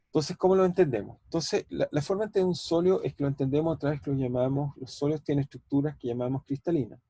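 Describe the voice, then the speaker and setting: Chilean prof teaching online, dark gravelly husky voice, repeats himself a lot, keeps quizzing the class. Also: male voice, a little high, fast, dry recording. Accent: Chilean Spanish. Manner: thinking aloud, repeating words, asking students questions. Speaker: physics professor. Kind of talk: online university lecture.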